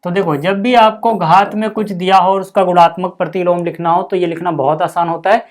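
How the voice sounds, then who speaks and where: A man's voice: sits high, fairly even intonation, a little fast. A man teaching a school maths lesson, patient and step by step, checking in often with the class.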